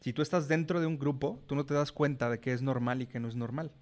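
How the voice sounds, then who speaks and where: A man's voice: medium pitch, steady tone, fast. A middle-aged man with a Mexican accent, talking as a podcast guest in a frank, explanatory way and swearing casually. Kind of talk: casual chat.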